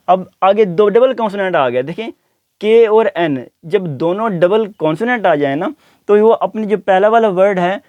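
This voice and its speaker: A man teaching English pronunciation, saying each example word slowly and repeating it several times. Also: high voice, a little mellow, dry recording, clean studio sound. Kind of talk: explaining pronunciation to learners.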